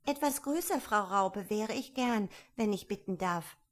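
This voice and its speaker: A woman doing a timid, higher-pitched little girl. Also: lively intonation, a little slow, natural voice. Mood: anxious. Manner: higher, eager, slightly tearful. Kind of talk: audiobook character voice.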